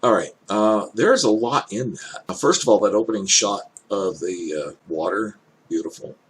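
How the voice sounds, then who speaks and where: An older man with an elderly-sounding voice gives casual off-the-cuff commentary, thinking aloud in halting, hesitant phrases. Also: on the low side, lively intonation. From Canada. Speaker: reaction video host. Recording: clear background noise.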